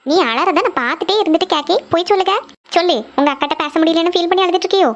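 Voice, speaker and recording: A woman's voice: very high-pitched, racing, dull audio. Lady playing a strict cartoon mom, lectures and threatens nonstop. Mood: scolding. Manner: scolding, lecturing. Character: stern middle-aged mother, strict and threatening.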